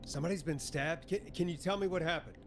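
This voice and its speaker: An actor voicing a calm late-night radio host who speaks in a measured announcer manner. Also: male voice, a little high, over loud music, close to an everyday voice. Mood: urgent. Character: calm male radio host taking emergency calls. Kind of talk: video game voice acting.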